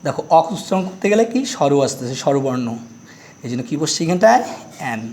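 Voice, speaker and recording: A middle-aged male teacher walks through a grammar lesson. His voice sits high for a man. He keeps asking short questions and answering them himself. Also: very animated, quick pace, darkish tone. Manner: explains step by step with repeated quiz questions. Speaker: English teacher. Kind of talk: grammar lesson explaining articles.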